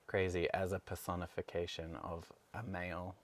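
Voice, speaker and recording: A young man co-hosting a podcast, describing things in a relaxed, casual way. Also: low-pitched, moderate pace. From Australia. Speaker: podcast co-host. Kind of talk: casual chat.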